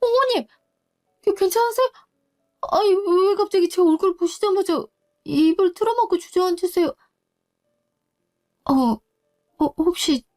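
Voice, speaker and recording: Brief: a woman as a shy young woman in a story drama, stuttering and bright-voiced. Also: fairly high pitch, creaky. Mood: alarmed. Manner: shy, stammering. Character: nervous young woman meeting her future mother-in-law.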